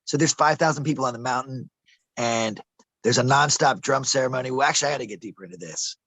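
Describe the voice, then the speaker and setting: Speaking quickly in a creaky, fairly bright mid-range voice, this man spins rambling conspiracy tales in a laid-back interview outdoors at a desert camp. He addresses the listener as "man" and "bro," tripping over a few words. There's no echo, but the sound quality is poor.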